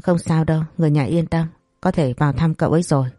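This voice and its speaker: A woman voicing a calm doctor who reassures the family. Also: low voice, fast talker, dry recording, clean studio sound. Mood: reassuring.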